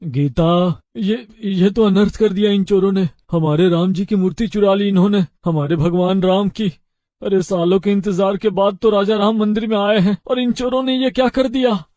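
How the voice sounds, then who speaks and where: A man's voice: a little high, lively intonation, measured pace, no echo, clean studio sound. A man voicing a devout, brave village blacksmith. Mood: anguished defiant. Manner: loud, pleading, cries out in anguish.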